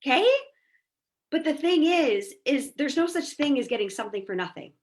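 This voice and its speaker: A woman guest on a podcast, a mindset coach, telling stories in a chatty, animated way and often asking "right?". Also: sits high, fairly quick. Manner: chatty, animated storyteller, peppers speech with "like" and "right?". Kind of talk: casual podcast conversation.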